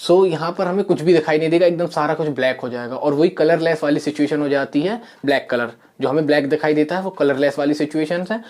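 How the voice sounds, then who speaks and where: A man, teaching a science lesson in a soft voice from a small room, explaining step by step with many fillers and repeats. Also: a little high, fast, few pauses. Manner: soft-spoken. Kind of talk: classroom lesson. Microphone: camera mic.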